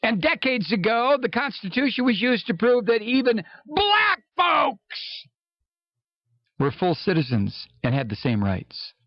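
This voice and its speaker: A man's voice: very high voice, wildly swooping pitch, unhurried, no echo, lo-fi sound. An American man on an impassioned, sarcastic political rant, speaking as a commentator with exasperated, mocking emphasis.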